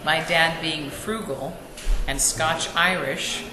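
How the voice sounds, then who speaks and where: A woman's voice: low-pitched, slow. A woman chattily telling a family food story, rambling with asides. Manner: chatty, rambling, lively quoted voices. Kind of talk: casual storytelling. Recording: echoey room with crowd.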